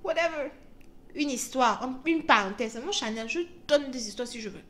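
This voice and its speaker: Lively, bright-voiced woman reading tarot. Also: high voice, normal speed. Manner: animated, laughs often, mixes in English words. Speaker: tarot reader. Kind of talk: casual tarot reading with storytelling.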